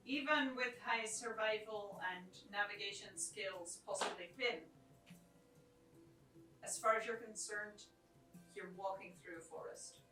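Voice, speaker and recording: A woman narrating as game master of a tabletop game, descriptive and quick to laugh. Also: on the high side, sharp tone. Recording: echoey room, far from the mic, faint music.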